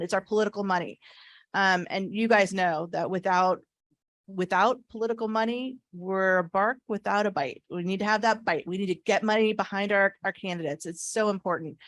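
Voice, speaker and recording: A woman's voice: mid-range voice, a bit bright, no room sound, clean studio sound. A woman giving an earnest, emphatic, persuasive talk to a meeting as a staff speaker, repeating key phrases, her speech slightly slurred from wearing a retainer. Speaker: association government affairs staff speaker.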